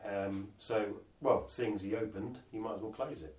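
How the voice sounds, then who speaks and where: A man's voice: on the low side, fairly even intonation, normal speed, a little mellow, echoey room, distant mic. A man, co-hosting a podcast with joking, sweary casual chat. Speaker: podcast co-host.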